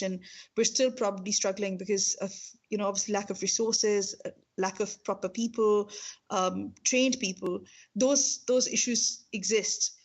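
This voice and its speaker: A woman from Pakistan with a strong Pakistani accent, explaining her professional work informally in an earnest way, often repeating words. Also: mid-range voice. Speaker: speech-language pathologist and university lecturer. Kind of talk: informal professional talk about own work.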